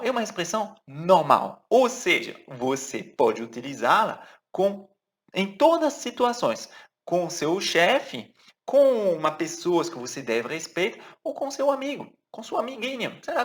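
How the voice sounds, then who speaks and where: A man with a French accent teaching a language lesson, explaining patiently and repeating words slowly for learners. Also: sits high, fairly bright tone.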